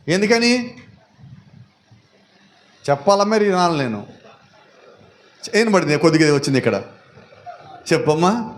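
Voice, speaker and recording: A male pastor preaching a sermon and firing rhetorical questions at the congregation, often shouting. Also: high voice, slight background noise.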